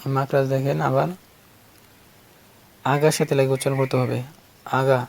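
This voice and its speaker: A man teaching Quran recitation who explains where the tongue touches the teeth and repeats each syllable slowly and patiently for the viewer to copy. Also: medium pitch, little pitch movement, vocal fry, a little mellow. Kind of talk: slow drilled pronunciation lesson.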